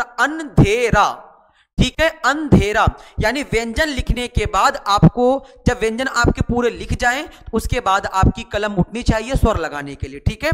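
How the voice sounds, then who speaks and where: Very high-pitched and a bit bright, this man's voice trails off into a long reverb tail. He explains shorthand while writing in a chatty online lesson, repeating words and answering questions he raises on his students' behalf.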